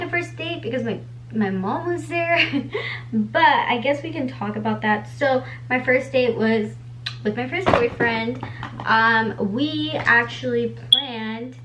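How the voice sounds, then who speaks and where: At home doing her makeup, a beauty vlogger in her twenties whose native language is Spanish rambles casually, saying "like" a lot and swearing now and then. Her voice leans toward the high side.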